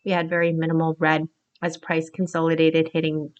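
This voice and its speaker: Woman going over crypto price charts for her viewers, a bit low-voiced, keeps saying you guys. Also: completely flat delivery, a little fast, muffled recording. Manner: talks viewers through chart indicators step by step. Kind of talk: screen-share market analysis.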